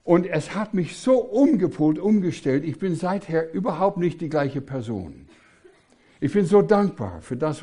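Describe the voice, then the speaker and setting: Mellow-voiced older male preacher. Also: a little high, slightly rough. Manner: emphatic, rhetorical questions, frequent hesitations. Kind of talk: sermon.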